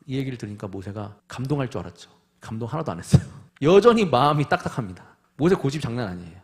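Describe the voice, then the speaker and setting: A male preacher delivering a sermon, acting out voices in dialogue and dropping to soft, quiet endings after raised lines. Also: medium pitch, racing. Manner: animated, acts out God and Moses in dialogue.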